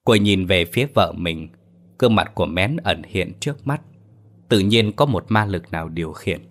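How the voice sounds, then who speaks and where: A man narrating a horror story in a steady, dramatic way. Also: sits low, normal speed.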